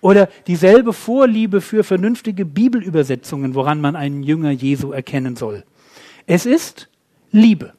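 A man preaching a sermon, asking rhetorical questions and swinging between loud and quiet. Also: on the high side, expressive, normal speed.

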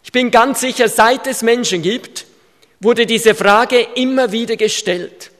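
Male preacher, very high voice, emphatic sermon delivery, long hall reverb. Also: a little slow. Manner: emphatic, rising to shouts in quoted rants. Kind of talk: evangelistic sermon. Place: hall with audience.

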